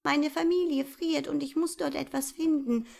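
A woman's voice: high-pitched, fairly even intonation, normal speed, vocal fry, a little mellow, voice pushed up. A woman reading a children's story aloud and voicing a small, anxious father mouse worried for his family. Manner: fretful, close to tears.

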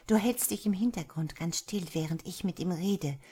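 A woman's voice: on the low side, moderate pace, mellow, breathy edge. Woman voicing a mocking noble lady. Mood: teasing. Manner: teasing, sly, mock sweetness. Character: scornful noble lady mocking a freezing suitor.

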